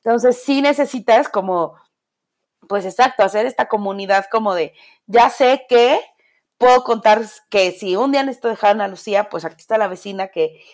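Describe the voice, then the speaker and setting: A woman's voice: medium pitch, a little fast. A woman with a Mexican accent in casual conversation, talking in a reassuring, friendly way. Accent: Mexican Spanish. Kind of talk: casual chat.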